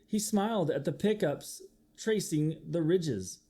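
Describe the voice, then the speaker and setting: Here a man with a husky, higher-leaning voice reads a picture book to kids at a slightly slow pace. Like a teacher at storytime, he dramatizes sound effects and asks his small audience questions, giving an animated read-aloud.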